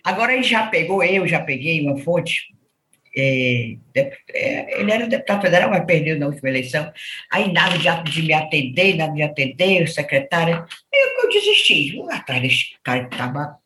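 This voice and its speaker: A woman from Ceará, speaking with a Northeast Brazilian accent, joins a podcast as a guest; she's a political journalist. Her low voice moves at a normal speed as she tells stories in casual conversation, animatedly acting out the voices of people she quotes. The audio is reverberant with a slight hiss or hum.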